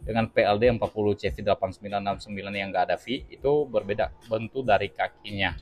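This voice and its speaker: A man's voice: fairly low pitch, steady tone, quick pace, highs cut off, soft background music. A man giving a casual unboxing review of a TV, talking chattily to his viewers while he handles the set. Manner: addresses viewers as teman-teman, chatty, explains while handling the product. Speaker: product reviewer.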